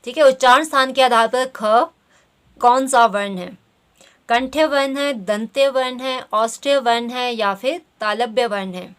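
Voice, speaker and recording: A woman with a fairly high, smooth voice teaches grammar by walking through quiz questions. She reads the options slowly and says "theek hai" constantly as she explains.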